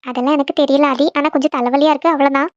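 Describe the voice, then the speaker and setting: A hurt young woman in a cartoon, voiced by a woman, talks high and fast as she brushes off worry and insists nothing is wrong. The sound is dry and a little muffled. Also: fairly even intonation, no echo, natural voice. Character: young woman, tearful and proud. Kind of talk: cartoon voice acting.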